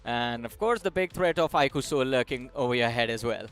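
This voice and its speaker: Smooth-voiced Indian esports caster. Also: male voice, medium pitch, lively intonation, a little fast, a bit bright, faint music behind. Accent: Indian English. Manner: upbeat, bantering. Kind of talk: esports analyst desk commentary.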